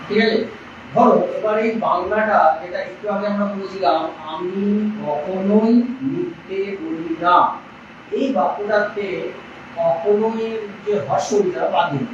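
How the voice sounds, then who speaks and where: A man teaching an English grammar class in a classroom, firing questions at students and dictating slowly. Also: high voice, fairly even intonation. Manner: quizzes students with repeated questions, slow dictation. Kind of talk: classroom lecture in Bengali. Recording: echoey dull classroom recording from far off, noisy.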